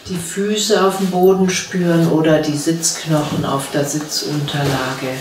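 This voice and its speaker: Female meditation teacher, unhurried and soothing delivery, distant mic, echoey room. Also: low-pitched, background noise. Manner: slow, calm spoken instructions with long pauses. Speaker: spiritual teacher leading a meditation. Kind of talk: guided meditation. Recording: roomy sound from a distant mic.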